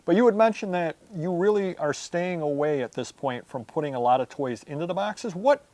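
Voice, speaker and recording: A man's voice: on the high side, lively intonation, brisk, a little mellow. A man in his forties talking conversationally to viewers as a host, explaining step by step with examples on a lapel mic. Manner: explanatory, addresses viewers, works through examples. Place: indoors, large warehouse storage aisle.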